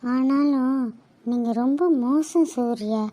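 A woman voicing a high, mellow young wife with a fever. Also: slow. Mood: tender. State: weak with fever. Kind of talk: cartoon drama dubbing.

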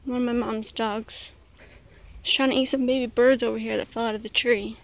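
A woman's voice: a little high, fairly even intonation, fairly quick. A young woman narrating a casual home vlog outdoors on a handheld phone camera. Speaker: vlogger, mother. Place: outdoors in a grassy backyard. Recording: clear outdoor background noise, handheld.

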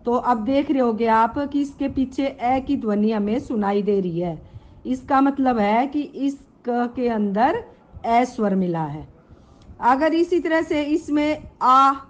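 A woman's voice: fairly high pitch, dull audio. A woman teaching Sanskrit in an online grammar lesson. She patiently spells out sounds, asks her pupils questions and calls them beta. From Haryana, India.

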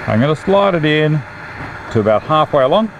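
A man's voice: a little high, fairly quick, lo-fi sound, background noise. Laid-back Australian man in his workshop. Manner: chatty, relaxed, with laughs and Aussie slang. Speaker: woodworking channel host. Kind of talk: casual workshop demonstration. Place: home woodworking workshop indoors. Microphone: lapel mic.

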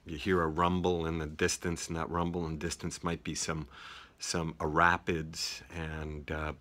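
Low-voiced man rambling through an office vlog. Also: pushed and bright. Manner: rambling, many fillers and restarts. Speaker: emergency physician educator. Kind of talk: informal teaching vlog. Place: small office indoors. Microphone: phone held at arm's length.

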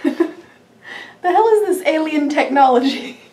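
A woman's voice: high voice, lively intonation, moderate pace, a little mellow, slight background noise. A young woman operating the camera in a small home bathroom, teasing and giggling through casual chat.

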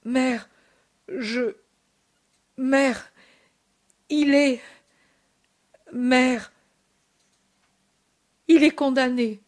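A woman's voice: sits high, steady tone, extremely slow, pauses often. A woman voicing a young male disciple who sobs and begs forgiveness in a pleading, broken way.

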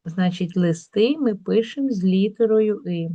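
A woman teacher working through a school workbook, drawing words out slowly to show where the stress falls. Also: medium pitch, lively intonation, warm tone, no room sound, highs cut off. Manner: slow, drawn-out word demonstrations.

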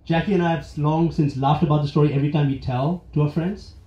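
A man's voice: on the high side, steady tone, dark tone. Man telling a true story on stage. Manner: earnest, reflective, with pauses and restarts. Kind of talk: live personal storytelling. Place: stage at a live storytelling evening. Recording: roomy, dull live venue recording.

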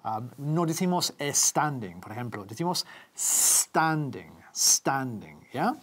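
A woman with a low, slightly husky voice hosts a televised English lesson. She speaks slowly and with a lively, expressive lilt, repeating each word so viewers can follow. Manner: patient, repeats words for practice. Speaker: English teacher, TV presenter. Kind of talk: bilingual TV language lesson.

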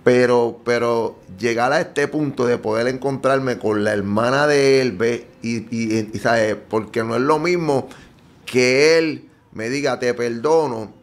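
A man's voice: mid-range voice, fairly even intonation, a little slow. A man with a Puerto Rican accent, telling his personal testimony earnestly in an interview and checking in with frequent tag questions. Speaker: guest giving testimony.

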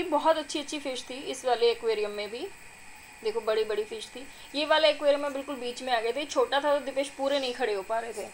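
A young adult woman, a vlogger and mother, narrating her family video in a chatty, doting, excited voice-over. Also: a little high, slight background noise, rough recording. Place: recorded apart from the filmed scene.

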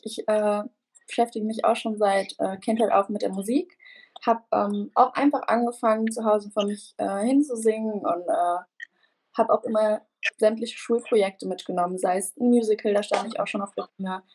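A young woman from near Koblenz interviewed over a video call, speaking calmly with many fillers. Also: medium pitch, moderate pace, slightly rough, rough recording. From near Koblenz, Germany. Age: young adult. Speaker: band member guest. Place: room at home.

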